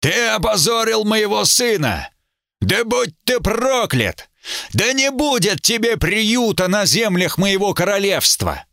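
A man voicing a furious, grieving old king whose booming voice echoes as if under a vaulted hall. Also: very animated, a little slow, creaky, bright, forceful tone, studio quality, exaggerated voice. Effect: booming echo as under a vaulted hall. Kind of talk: audiobook narration, acted quote.

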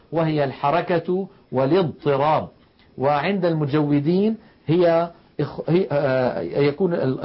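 A man teaching Quranic recitation rules, explaining slowly and demonstrating sounds aloud. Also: on the high side. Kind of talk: televised tajweed lesson. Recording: dull lo-fi broadcast audio.

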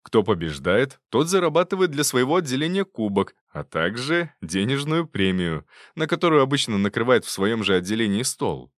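Man voicing eager young male doctor, explanatory, lively pitch. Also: normal speed, few pauses, dry recording, clean studio sound, natural voice. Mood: explaining.

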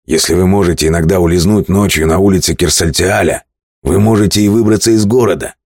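Brash sea captain, loud and swaggering, voiced by a man a notch higher than his deep, dry reading voice. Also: fast talker, no echo. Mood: scoffing. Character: bold, boastful male ship captain.

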